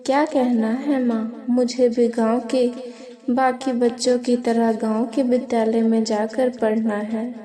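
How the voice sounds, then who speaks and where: A woman's voice: a little high, level tone, a little slow, mellow, close to an everyday voice. A woman voicing a young male monkey son who is innocent and eager, with a pleading, childlike way of talking.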